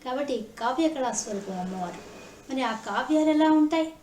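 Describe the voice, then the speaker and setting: A woman giving a devotional discourse, asking rhetorical questions and chanting verses slowly. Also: sits high, lively intonation, a little mellow, echoey room, a little hiss or hum. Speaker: spiritual discourse speaker.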